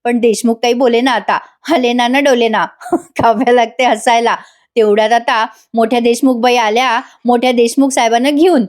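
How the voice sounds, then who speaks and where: A woman's voice: fairly high pitch, fairly even intonation, normal speed. A woman giving a chatty, playful voice-over recap of a television serial, talking to her viewers and laughing often. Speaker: serial reviewer.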